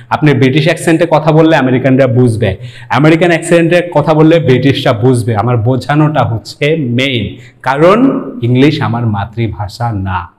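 A man from Bangladesh, an English teacher giving a lecture, talking in a relaxed way, mixing in English words and asking rhetorical questions. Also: mid-range voice. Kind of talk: explanatory lecture.

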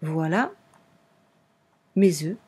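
She speaks very slowly, her low, darkish, husky voice carried by lively intonation and a French accent. In this casual screen-recorded tutorial, the game walkthrough presenter explains a browser game step by step, often repeating or correcting herself.

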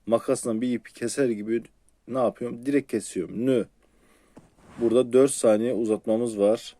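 A man teaching Quran reading in a patient, step-by-step lesson. He repeats syllables slowly, asks his viewers questions and answers them himself. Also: medium pitch, steady tone, dark tone, no echo.

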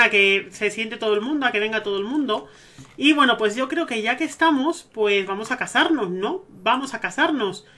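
A man with a Spain Spanish accent giving gushing, excitable let's-play commentary over a life-sim game. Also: very high voice. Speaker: gaming streamer.

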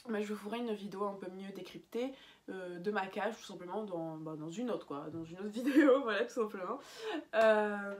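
A young woman giving casual, chatty advice in a vlog, full of fillers and restarts and laughing at her own slips. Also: mid-range voice. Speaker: bird-keeping vlogger.

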